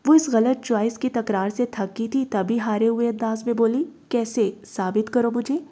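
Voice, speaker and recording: A woman reading a novel aloud as narrator, with expressive storytelling. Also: a little high, moderate pace. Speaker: audiobook reader.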